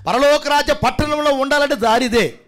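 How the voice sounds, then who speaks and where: A male pastor with a coastal Andhra Telugu accent delivers a sermon in a very high, piercing voice. He drops to hushed pleading, then rises to loud shouts, and keeps putting questions to his listeners. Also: normal speed. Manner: swings between quiet pleading and loud shouting; repetitive, rhetorical questions to the congregation.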